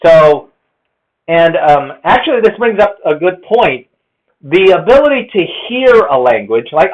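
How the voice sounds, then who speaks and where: A man explaining language and in a rambling lecture, thinking aloud with many fillers. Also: on the high side. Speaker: language teacher. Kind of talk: casual lecture on accents. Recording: dull lo-fi recording.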